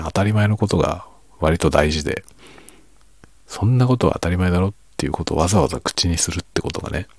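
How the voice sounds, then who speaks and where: This is a streamer who writes novels as a hobby, musing casually in a soft, husky, very deep and gravelly voice. He keeps things low-key and pokes fun at himself, as though it were late at night, and the recording has no echo.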